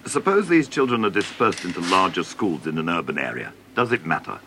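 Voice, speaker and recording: A man giving measured, scripted narration for a television documentary. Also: sits low, sing-song, background noise.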